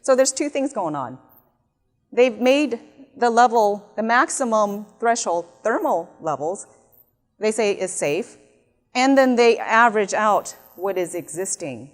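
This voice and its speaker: A woman giving an animated slide presentation, acting out quotes as she explains. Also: mid-range voice, unhurried. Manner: animated, acts out quotes in other voices. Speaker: speaker. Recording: echoey hall.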